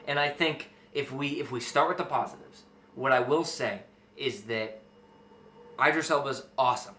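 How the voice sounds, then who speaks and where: A man's voice: mid-range voice, moderate pace, bright, forceful tone. Guy hosting a movie review, really emphatic, echoey room w a bit of noise. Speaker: host of a film review show. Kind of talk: casual movie review chat. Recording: roomy echo, faint background noise.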